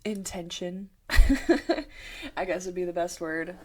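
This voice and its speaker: A woman meditation teacher calmly explaining guided meditation to her viewers. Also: on the low side. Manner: slow, calm, thoughtful explaining. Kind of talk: talking-head explainer video.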